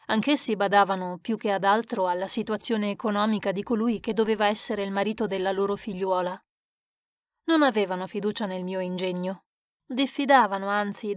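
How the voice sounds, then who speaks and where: A woman's voice: mid-range voice, no room sound, clean studio sound, natural voice. A woman reading the part of a rueful, lovesick male poet who recounts his past in an earnest, emphatic way. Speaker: audiobook reader. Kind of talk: expressive literary reading.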